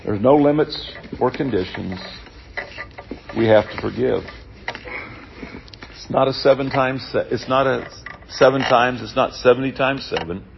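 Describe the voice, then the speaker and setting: A man preaching a sermon in church, reading scripture and adding relaxed, conversational asides about everyday life. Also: medium pitch, a little slow, gravelly, long pauses, muffled recording, background noise.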